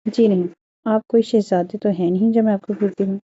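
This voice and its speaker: A woman's voice: mid-range voice, steady tone, fairly quick, warm tone, slightly rough, lo-fi sound, lightly acted. A woman voicing a feisty young newlywed wife who answers back in playful bickering. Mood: sassy.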